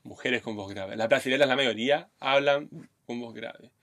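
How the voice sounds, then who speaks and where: A podcast co-host with a Chilean Spanish accent tells a crude, rambling comic story. His voice sits at a medium pitch and moves at a moderate pace, and his storytelling is vulgar, meandering and animated.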